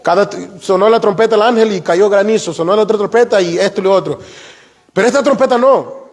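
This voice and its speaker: A man delivers an expository sermon in a high, ringing voice. He climbs higher and louder to stress his main points and keeps asking the congregation questions. The church hall gives his words a long reverb tail. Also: fairly even intonation, quick pace. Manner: emphatic, rises in pitch for key points; asks the congregation rhetorical questions. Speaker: preacher. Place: church sanctuary.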